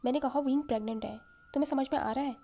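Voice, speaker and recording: A calm, caring young healer woman, read out by a female narrator. She speaks gently in a mellow, fairly high voice. Soft music sits in the background. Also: racing.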